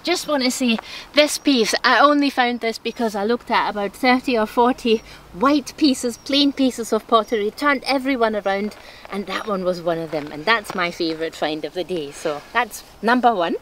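A woman's voice: fairly high pitch, moderate pace, fairly bright tone, slight background noise. A woman co-hosting a digging video, chatting outdoors with short, agreeable replies and frequent giggles. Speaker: mudlarking channel co-host. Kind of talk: casual chat while digging. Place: outdoors at a bottle dump.

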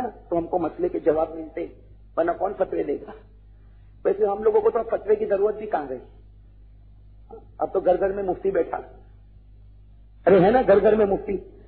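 A man preaching a religious sermon, with dramatic swings from low talk to shouted lines and many questions to the crowd. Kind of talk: Urdu-Hindi religious sermon. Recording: tinny lo-fi phone-like recording with faint noise.

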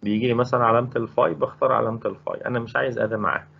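A man with an Egyptian Arabic accent teaches Spanish grammar in a recorded lesson, working step by step, repeating each word and asking rhetorical questions. His medium-pitched voice is creaky and husky, with fairly even intonation and a racing pace, and the recording is muffled.

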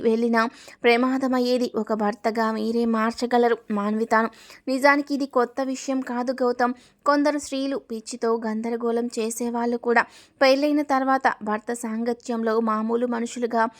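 A woman narrating a family story, reading every character's lines in her own voice. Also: on the high side. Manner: reads all dialogue in her own narrating voice; breaks off to ask viewers for likes.

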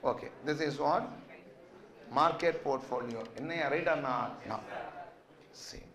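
Higher-voiced Tamil-accented man teaching, echoey room. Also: unhurried, a bit bright. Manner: quizzing, repeatedly asking questions and checking understanding. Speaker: finance lecturer. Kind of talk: interactive classroom teaching. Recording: echoey classroom sound.

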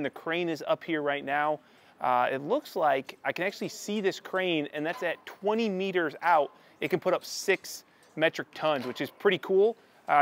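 An American construction vlogger in his thirties, wearing a lapel mic, eagerly tours a construction site, moving from a tool container to an open upper floor. His voice runs on the high side and fairly bright as he chats enthusiastically and explains what he sees while walking.

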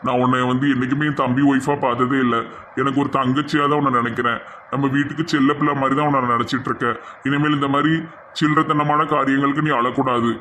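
Tirunelveli-accented man, gently scolding. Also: mid-range voice, little pitch movement, quick pace, slight background noise. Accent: Tirunelveli Tamil. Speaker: comedy sketch actor. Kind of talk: scripted village comedy sketch.

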